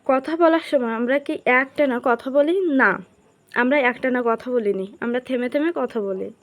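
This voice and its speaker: High-voiced woman teaching online. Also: a little slow. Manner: reads questions aloud, then answers them in short, spaced phrases. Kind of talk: online class lesson, reading and explaining a textbook.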